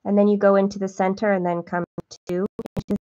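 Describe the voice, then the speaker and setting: A woman's voice: medium pitch, level tone, fast, mellow, lo-fi sound. A woman hosting a cross-stitch livestream, chatting casually and self-deprecatingly with viewers while counting her stitches.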